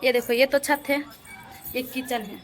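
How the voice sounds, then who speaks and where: Walking through her family house and rooftop with a handheld phone, a young woman from Bihar, India, with a Bihari Hindi accent, records an aggrieved personal vlog, plaintive and indignant as she pleads with viewers. Her voice sits high with fairly even intonation, unhurried, over faint background music.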